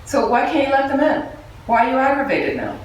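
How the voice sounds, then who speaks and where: A woman's voice: sits high, lively intonation, fairly quick, distant mic, a little hiss or hum. A woman giving a Buddhist dharma talk to a group. She speaks conversationally and with humour, often putting questions to her listeners. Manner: conversational, humorous, asks the audience questions. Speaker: Buddhist nun and teacher. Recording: echoey room, voice from away from the mic, faint background ambience.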